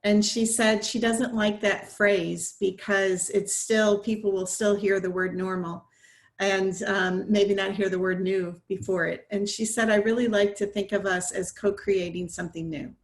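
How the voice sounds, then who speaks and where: A woman's voice: mid-range voice, level tone, a little slow. A woman minister speaking on an online panel over a video call, earnest and reflective, often restarting her phrases. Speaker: conference minister. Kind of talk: panel discussion remarks.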